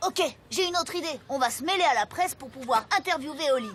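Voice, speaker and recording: High-voiced scheming cartoon schoolboy. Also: female voice, lively intonation, a bit bright, slight background noise. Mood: eager, scheming. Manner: sly, persuasive, quick to plot. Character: scheming, confident, smooth-talking schoolboy. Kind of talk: French animated series dialogue.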